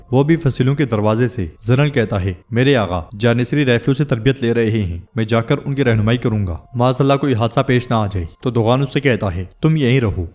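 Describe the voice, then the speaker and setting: A man retelling a TV drama episode in steady storytelling narration, reading the characters' lines in a plain voice. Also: medium pitch.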